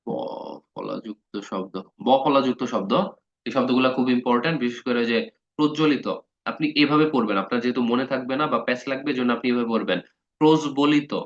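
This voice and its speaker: Man teaching grammar in a dull recording. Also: medium pitch. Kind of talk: casual spoken lesson.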